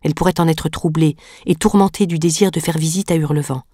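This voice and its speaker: A woman reading a grave, protective gentleman. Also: sits low, fast talker, no room sound, studio quality. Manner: calm, firm instructions.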